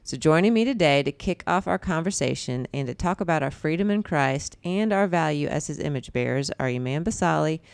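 A woman's voice: sits low, animated, a little fast, gravelly, hardly any pauses, a little mellow, smooth, dry recording. A woman hosting a faith podcast, introducing guests in casual chat and laughing often. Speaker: podcast host.

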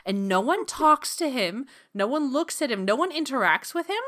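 A woman co-hosting a podcast in casual chat, expressive and quick to laugh. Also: sits high. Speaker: podcast co-host.

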